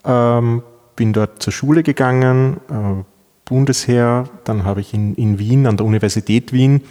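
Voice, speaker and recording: A middle-aged Viennese man with an Austrian German accent speaks in a dark, medium-pitched voice at a moderate pace. A law professor, he answers interview questions in a large hall, using many fillers and restarts.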